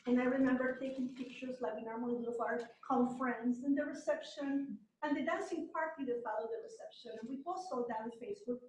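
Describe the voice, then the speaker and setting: A high-voiced woman from Chile gives a relaxed, self-deprecating lecture in a university seminar room. She is picked up from across the room, so her voice comes through roomy and distant, with a faint hum behind it. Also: fairly quick, few pauses. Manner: conversational, self-deprecating, occasional light laughs. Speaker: guest speaker. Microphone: far room camera. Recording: distant echoey room mic.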